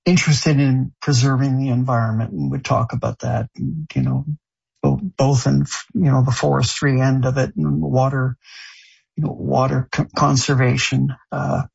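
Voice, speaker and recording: This show creator and songwriter, born in Canada and raised in France, gives interview answers with a husky, gravelly voice at medium pitch. His tone stays level and a little mellow while he stumbles along, restarting and filling pauses. Audio quality is lo-fi and dull.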